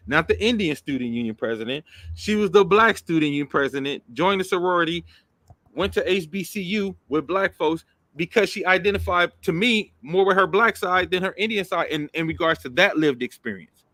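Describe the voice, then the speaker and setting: Bright-voiced man pressing a point. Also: high-pitched, expressive, brisk, no room sound. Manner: persistent, probing questions, says "bro". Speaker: podcast host. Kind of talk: casual debate chat.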